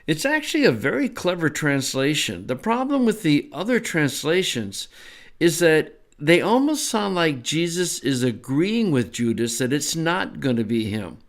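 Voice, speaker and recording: A man teaching a Bible lesson in a relaxed, conversational way, with small asides as he explains. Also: on the high side, a little slow.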